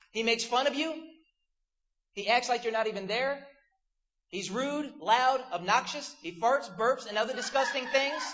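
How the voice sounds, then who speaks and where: A man's voice: very high-pitched, bright, forceful tone, lo-fi sound. A man preaching a casual, joking youth sermon to a crowd of teens.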